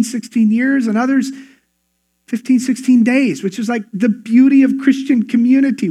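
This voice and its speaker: A man's voice: very high voice, dark tone. A male pastor preaching a sermon in an earnest, conversational way. He often repeats words as he starts his phrases.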